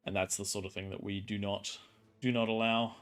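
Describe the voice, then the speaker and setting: A man with a fairly low voice hosts a game livestream. He explains and chats casually, often stopping to rephrase. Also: little pitch movement, brisk. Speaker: stream host, commentator.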